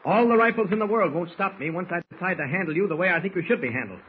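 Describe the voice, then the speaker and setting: An actor playing an unflinching government agent hero in an old radio serial, speaking with firm, clipped defiance. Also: male voice, high-pitched, expressive, rapid-fire. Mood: defiant. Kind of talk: 1940s radio serial acting. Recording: muffled, hissy old radio recording.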